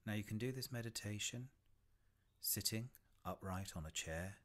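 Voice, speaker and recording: Guiding a body scan meditation, a man speaks on the low side in a gentle, leisurely way. Long pauses follow his short phrases, which close softly and breathily.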